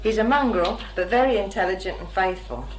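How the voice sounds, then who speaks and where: A woman's voice: mid-range voice, poor audio. A young woman reading out a prepared, friendly message to relatives. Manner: scripted, chirpy wording, few pauses. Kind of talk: read-out spoken letter to relatives.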